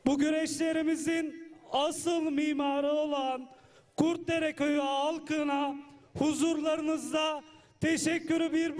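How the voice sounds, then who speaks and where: A man delivers a public thank-you speech at a village festival. His voice is very high for a man and stays quite flat in melody. He speaks formally and deliberately, like a local addressing an assembly. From Turkey.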